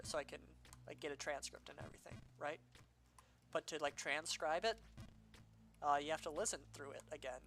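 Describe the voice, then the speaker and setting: A young adult man streams a game and chats casually, rambling and self-deprecating with plenty of fillers. His voice is a little high, bright and forceful, slightly nasal from allergies.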